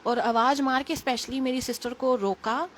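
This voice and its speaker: A woman with a Delhi accent telling an emotional personal story in quick, earnest casual speech, recorded on a phone. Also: high voice, fairly even intonation, slight background noise. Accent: Delhi Hindi. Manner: earnest, emotional, quick retelling with quoted dialogue. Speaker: devotee sharing a testimony.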